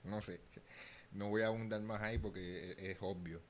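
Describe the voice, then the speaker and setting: Puerto Rican man musing aloud, low voice. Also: fairly even intonation, normal speed, a little hiss or hum. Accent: Puerto Rican Spanish. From Puerto Rico. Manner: thinking aloud, frequent restarts and repeated words. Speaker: channel host. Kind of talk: casual commentary.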